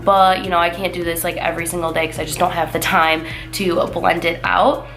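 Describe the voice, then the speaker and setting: Music runs in the background as a young beauty vlogger in her twenties gives a casual makeup tutorial. Her low-ish voice moves little in pitch and her delivery is brisk, yet she stays chatty and upbeat with plenty of fillers. She sounds nasal, still shaking off a cold.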